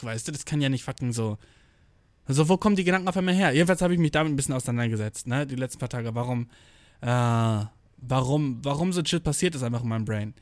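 A young man rants in a loose, rambling way, full of slang and cursing, often acting out what he and others said. His voice sits a little high for a man and the sound is dry and close, with no room around it. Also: dry recording. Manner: rambling, heavy slang and swearing, quotes himself. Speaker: vlogger. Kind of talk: casual slangy monologue. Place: indoors, travelling abroad.

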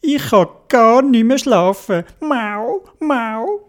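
Woman doing a meowing cat, high-pitched, lively, Swiss German accent, storybook. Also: slow pace. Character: sleepy, grumpy then grateful female cat.

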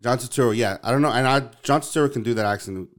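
A man talking casually with a friend, circling his point through many ums and false starts. His voice sounds smooth and clear, at a middle pitch for a man. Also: rapid-fire. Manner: rambling, hesitant, lots of fillers and restarts. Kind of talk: casual chat.

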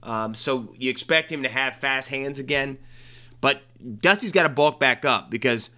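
A man's voice: mid-range voice, normal speed, pushed and bright. A man hosting a sports talk show, chatting casually about players and coaches in a joking way with frequent ums and restarts. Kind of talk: casual sports commentary monologue.

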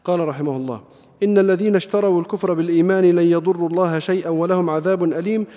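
A man, a student reading a classical commentary aloud in a rapid, even recitation. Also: sits high. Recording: long reverb of a hall.

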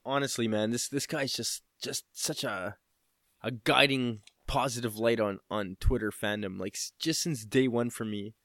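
A man's voice: medium pitch, steady tone, moderate pace, fairly bright tone, no room sound, studio quality. A man co-hosting a podcast in casual, conversational talk. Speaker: podcast co-host. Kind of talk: casual chat.

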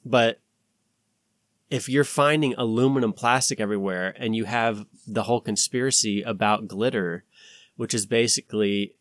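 A man's voice: fairly low pitch, a bit bright, no room sound, studio quality. A man talking casually as a podcast host, rambling and swearing, with an insistent, conspiratorial warning tone as he acts out imagined exchanges.

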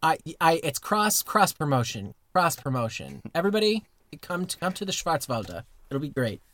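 A man's voice: a little high, very animated, moderate pace, a bit bright, dry recording. A man co-hosting a podcast from inside a clothes closet, rambling through stories with lots of fillers and restarts. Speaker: podcast co-host. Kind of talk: casual comedic chat.

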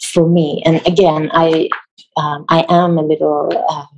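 Her voice is low and a little mellow, with a flat delivery, and the recording's highs are cut off. She's an Israeli theatre designer answering interview questions in a considered way, pausing and amending her words.

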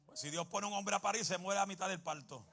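A man preaching a sermon, animated and humorous, bursting into shouts. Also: sits high, quick pace.

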